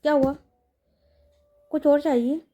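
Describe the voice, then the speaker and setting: A woman voicing a caring young woman assistant who speaks gently and asks questions. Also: high-pitched, steady tone, measured pace.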